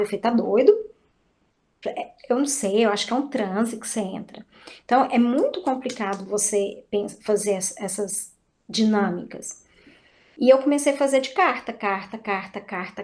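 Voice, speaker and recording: A woman from Brazil, a dance teacher, chatting casually and animatedly about her work, acting out quoted dialogue with frequent restarts. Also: a little high. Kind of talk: casual chat.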